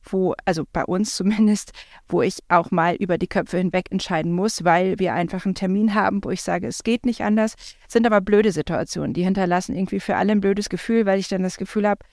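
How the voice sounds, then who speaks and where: A woman's voice: mid-range voice, steady tone, fast, a little mellow, no echo, clean studio sound. A woman, a parent, talking in a chatty, reflective way with frequent fillers. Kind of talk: casual conversation.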